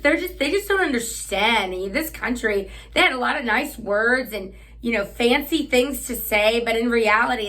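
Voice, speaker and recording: A woman hosts a political commentary monologue, sarcastic and combative, with frequent fillers and restarts. Her voice is on the high side and a bit bright, with vocal fry.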